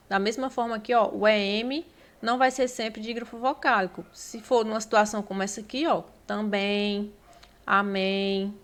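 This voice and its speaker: A woman's voice: on the high side, a bit bright. A Brazilian Portuguese-speaking woman teaching an exam-prep grammar lesson, explaining patiently and often stopping to point things out and check in with her viewers. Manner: explanatory, repeats words slowly and points with "ó" and "tá?".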